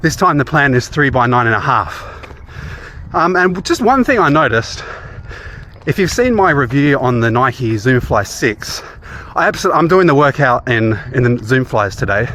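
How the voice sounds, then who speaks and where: A man's voice: medium pitch, big pitch swings, moderate pace, bright, forceful tone. An Australian man chatting casually in a running vlog, recorded outdoors. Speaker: running vlogger. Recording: clear outdoor background noise.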